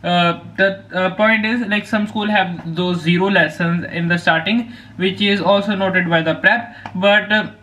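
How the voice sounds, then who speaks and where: A teenage boy from Punjab, a native Hindi speaker with an Indian accent, vlogs casually to camera, rambling with plenty of fillers and restarts. His voice is high and sharp, with fairly even intonation and a measured pace.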